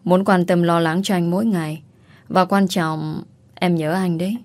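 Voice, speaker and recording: A woman's voice: fairly low pitch, steady tone, moderate pace, close to an everyday voice. A woman voicing a coaxing young mistress. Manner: warm, coaxing.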